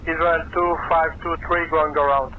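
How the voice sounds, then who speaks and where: A man's voice: a little high, flat delivery, moderate pace. A man making terse pilot radio calls from a cockpit headset, heard over the radio. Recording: muffled radio with static.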